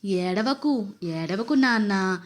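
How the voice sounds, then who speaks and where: A soft, coaxing twelve-year-old girl, as a woman storyteller puts her on, hushing a frightened small boy in a spoken storybook. Her tone stays gentle and motherly, tender rather than playful, with a slightly raised pitch. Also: animated, a little slow. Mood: soothing.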